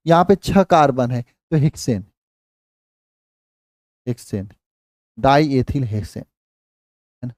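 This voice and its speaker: A man teaching a chemistry class in Hindi. He counts aloud slowly, asks questions and repeats the answers, and his voice rises higher and louder when he stresses a point. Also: lively intonation, no room sound, studio quality. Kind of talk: live online class teaching.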